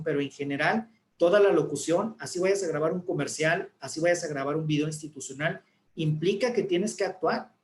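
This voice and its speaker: A man, an announcer, explaining speaking techniques in a relaxed talk and demonstrating intonations. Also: on the high side, roomy sound, slight background noise. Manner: didactic, demonstrates intonations with examples. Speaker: guest speaker, announcer and communicator.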